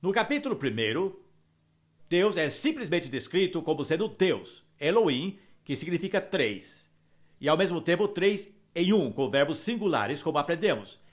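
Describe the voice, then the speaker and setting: A man's voice: on the high side, sing-song, moderate pace. Guy teaching the bible, emphatic and explaining, voice swings up and down a lot.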